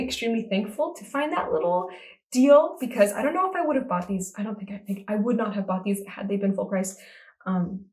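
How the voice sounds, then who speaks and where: Enthusiastic woman podcast host, mid-pitched, roomy sound from a few feet off the mic. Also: darkish tone, recorded from a distance. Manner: enthusiastic, rambling with many fillers and restarts. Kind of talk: casual chat to camera.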